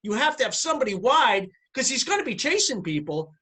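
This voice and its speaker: Male podcast host, high and sharp-toned voice, animated; a debater who fires back quick challenges. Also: breathy edge. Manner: argumentative, pushing back with quick questions. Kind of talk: casual soccer podcast chat.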